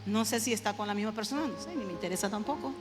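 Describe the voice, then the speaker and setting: A woman's voice: mid-range voice, expressive, racing, big-room sound, over music. A middle-aged woman preaching a sermon, emphatic and repetitive, often asking the congregation "¿sabe?". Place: church sanctuary.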